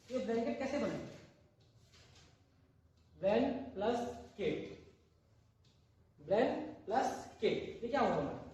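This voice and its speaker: A male English teacher giving a classroom grammar lesson. He keeps asking questions and answering them himself, and he repeats words slowly. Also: very high voice, darkish tone, highs cut off, slight background noise. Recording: very echoey room, voice far from the mic.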